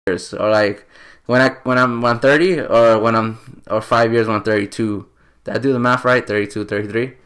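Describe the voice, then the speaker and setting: A man's voice: medium pitch, fairly even intonation, moderate pace, fairly bright tone. A man in his late twenties from New York, hosting a podcast in a casual, earnest, rambling way with many fillers. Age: 20s. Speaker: podcast host.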